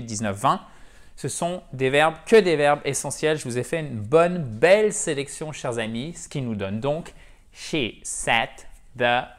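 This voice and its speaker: A language teacher gives a video lesson with lively, chatty energy. The voice talks directly to the viewers as friends and slows down to repeat and spell out words clearly. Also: medium pitch. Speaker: English teacher. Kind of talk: video lesson explaining vocabulary.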